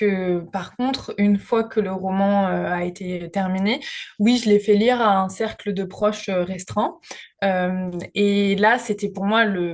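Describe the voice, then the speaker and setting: Chatty woman novelist with fillers. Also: mid-range voice. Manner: lively, hesitant, with fillers. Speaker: novelist guest. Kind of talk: casual interview answers.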